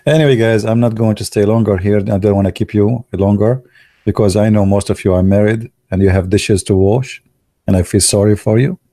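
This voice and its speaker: Playful joking man with a mellow voice. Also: lowish voice, brisk, no echo, studio quality. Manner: playful, teasing, non-native English phrasing. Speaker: video commentator. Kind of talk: joking commentary.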